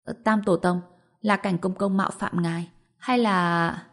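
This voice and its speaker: A woman voicing a playful, teasing male emperor in an audiobook reading, quick and amused. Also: mid-range voice, fairly even intonation, natural voice. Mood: probing.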